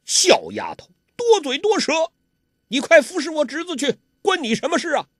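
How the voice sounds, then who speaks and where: A man's voice: extremely high pitch, very animated, moderate pace, a bit bright, dry recording, clean studio sound, voice pushed up, full character voice. A man barking as a domineering older villain. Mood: bullying, threatening. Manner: barking orders, threatening.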